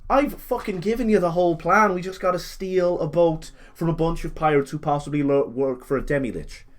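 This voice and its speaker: A man's voice: a little high, a little fast. A man casually narrating a tabletop role-playing game, joking and slipping into characters' lines as he goes.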